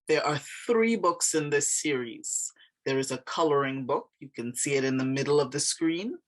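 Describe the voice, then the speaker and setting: A woman with a very low voice gives a measured explanation to viewers. She speaks very slowly, phrasing each part with care. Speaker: presenter and author.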